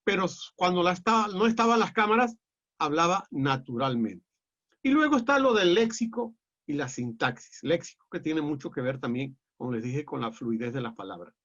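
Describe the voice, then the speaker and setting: High-voiced Peruvian man lecturing. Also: animated, a bit bright. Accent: Peruvian Spanish. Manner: measured and explanatory, with frequent "eh" fillers and restarts. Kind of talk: online class lecture. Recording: dull lo-fi audio.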